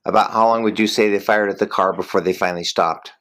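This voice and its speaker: A man's voice: fairly low pitch, steady tone, fast, fairly bright tone. A man interviewing a witness, asking hesitant, stumbling questions. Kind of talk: phone interview.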